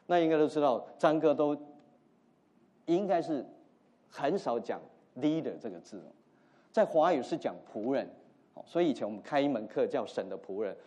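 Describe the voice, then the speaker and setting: A man preaching a sermon as a pastor, swinging from loud emphasis to soft asides and dropping English words into his teaching. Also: medium pitch, expressive, normal speed, pauses often.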